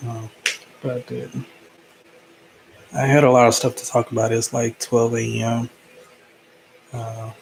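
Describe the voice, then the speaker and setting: A man's voice: mid-range voice, gravelly, low-quality recording. Hesitant man rambling over background noise. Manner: hesitant, lots of fillers and restarts. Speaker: vlogger. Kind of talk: casual rambling monologue. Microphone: own microphone.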